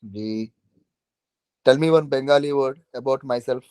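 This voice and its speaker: A man's voice: mid-range voice, moderate pace, darkish tone, clean tone, no room sound, clean studio sound. A man with a South Indian accent teaching an informal online class, often repeating phrases and checking that students follow. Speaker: teacher of a current affairs exam class.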